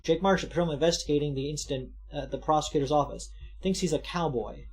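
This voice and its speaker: A woman's voice: low-pitched, fast talker, darkish tone. A woman in a casual video game playthrough, chatting and reading aloud from the game.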